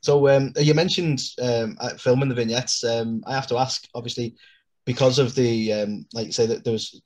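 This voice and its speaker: A man's voice: mid-range voice, steady tone, normal speed, a little mellow. A male podcast host interviewing a guest, asking long questions full of hesitations and fillers. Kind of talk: casual interview.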